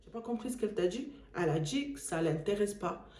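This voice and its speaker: A man's voice: high-pitched, animated, a little fast, a little mellow, reverberant. A woman acting out her angry, protective husband threatening a caller on the phone, in an insistent, menacing way.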